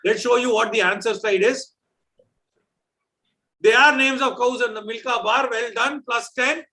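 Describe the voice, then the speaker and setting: A man with a high voice and a South Indian accent works as a quiz host. He chats and teases as he goes, explaining things off the cuff. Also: a little slow, sharp tone, rough recording.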